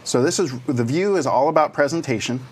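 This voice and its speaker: A man co-presenting a programming course, explaining slides step by step in a relaxed way with dry humor. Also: a little high, fairly quick, breathy edge. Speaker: co-presenter of a web development course. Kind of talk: casual technical explanation.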